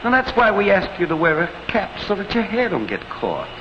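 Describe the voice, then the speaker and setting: A man's voice: high voice, wildly swooping pitch, brisk. An actor playing a firm, by-the-book American factory foreman in a 1940s instructional film. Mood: patient, explaining. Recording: muffled, noisy, reverberant old film soundtrack.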